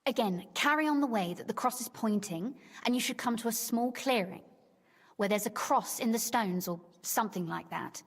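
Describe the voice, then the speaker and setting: An actress voices a young, curious noblewoman in video game dialogue, speaking genteelly, articulately and teasingly as she helpfully explains something. Her voice is fairly high and slightly rough at a normal speed, with a long reverb tail and faint game music behind.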